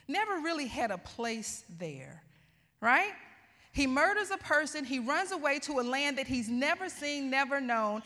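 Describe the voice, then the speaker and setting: A woman's voice: high voice, bright, forceful tone. A woman pastor preaching a sermon, calling out to her congregation. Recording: reverberant hall.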